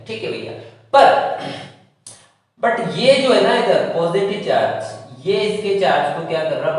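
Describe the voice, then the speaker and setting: A hoarse male teacher explains a lesson, asking his students question after question and then answering them himself. His voice sits a little high for a man. It reaches the mic from a distance and rings through a large, echoing room. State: sore throat. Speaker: physics teacher. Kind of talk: classroom lecture. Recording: echoey hall, voice from far off.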